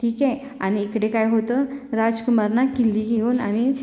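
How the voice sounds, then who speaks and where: A woman chattily recapping a serial episode, her voice a bit high and mellow. She speaks in an echoey room with a long reverb tail. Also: fairly even intonation, moderate pace. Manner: chatty, retells scenes with acted quotes. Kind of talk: casual story recap.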